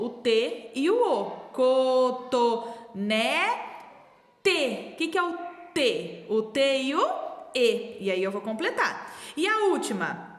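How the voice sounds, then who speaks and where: A woman teacher with a high, very animated voice, coaxing young pupils through words one syllable at a time. She speaks patiently, stretching each sound. The recording carries a noticeable room echo with a long tail of reverb. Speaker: primary school teacher. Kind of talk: remote literacy lesson.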